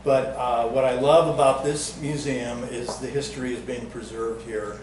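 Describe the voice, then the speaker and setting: A man's voice: medium pitch, steady tone, normal speed. An older man telling chatty, jokey stories to a live audience at a museum talk, raising his voice when he acts out what others said. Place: museum event room. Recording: echoey room, distant mic, noisy background.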